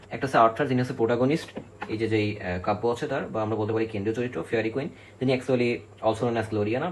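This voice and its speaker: A man's voice: mid-range voice, darkish tone, a little hiss or hum, rough recording. A male literature teacher giving an exam-prep lecture, explaining step by step, counting syllables aloud and often checking in with his students.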